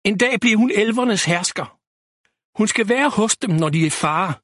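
A man voicing a protective older elf nursemaid in a storybook, speaking gently and seriously. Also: sits high, expressive, no echo, clean studio sound, voice pushed up. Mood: firm.

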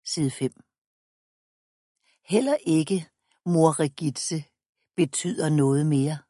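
Female audiobook reader, calm measured children's storytelling, low and mellow. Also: no echo, studio quality. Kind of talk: reading a children's book aloud.

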